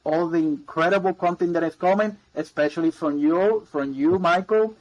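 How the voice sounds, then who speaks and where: The highs are cut off in this clip of a man with a fairly high pitch and a moderate pace. He's a mortgage broker in his 40s from Puerto Rico, a rambling guest in a casual interview chat who repeats words and drops many ums and uhs.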